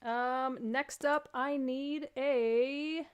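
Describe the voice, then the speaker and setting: This woman's high voice has fairly even intonation, drawn-out words and a clean tone. Hosting a live stream in a Texan accent, she chats casually and jokes in rambling asides.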